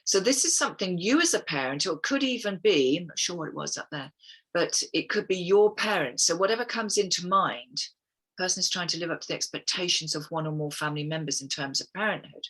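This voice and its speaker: A woman with a bright, sharp edge and a husky, breathy grain reads chakra statements on a group wellness call. She is soft-spoken and musing, and she drops in a quiet "okay" between readings as she guides listeners through affirmations. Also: on the low side, lively intonation, a little fast, rough recording. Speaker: wellness guest speaker.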